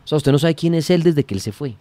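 A man's voice: on the high side, expressive, quick pace, dark tone, dry recording. Dry-sounding Colombian man hosting radio. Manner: probing, sarcastic. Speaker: radio host. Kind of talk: radio call-in questioning.

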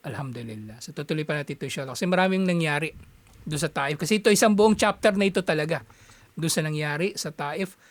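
Male religious teacher, slightly high voice, dry close sound, loose storytelling delivery with lots of fillers. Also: dry recording. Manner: conversational, halting with frequent fillers. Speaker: Islamic teacher. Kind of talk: casual storytelling lecture.

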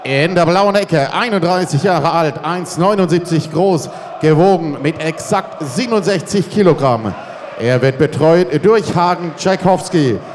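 A man working as a ring announcer, presenting fighters in a showy manner with drawn-out, shouted names. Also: a little high, some chatter behind. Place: large indoor sports arena. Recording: echoing arena PA, noisy.

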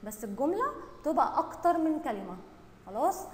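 A woman with an Egyptian accent teaching young children Arabic reading, stretching out words slowly and praising them often. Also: sits high, sing-song, darkish tone, echoey room, in a large hall. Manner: drawn-out syllable-by-syllable reading, praising and questioning pupils. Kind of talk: recorded online lesson for young children.

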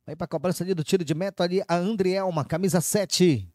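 A man's voice: high voice, brisk, darkish tone, no echo, studio quality. A Brazilian man calling a football match live, play by play.

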